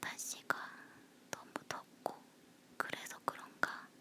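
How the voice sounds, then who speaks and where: A woman leaning in to whisper softly in a breathy, unvoiced voice, chatting casually in ASMR style, recorded close on a phone. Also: slow.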